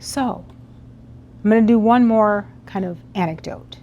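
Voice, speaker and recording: A woman delivers a motivational keynote in an unhurried, measured way, leaving room between her phrases. Her pitch sits in a middle range. She keeps it conversational and keeps turning to the audience with questions. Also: warm tone, highs cut off, a little hiss or hum. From United States. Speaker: keynote speaker. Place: event hall before a live audience.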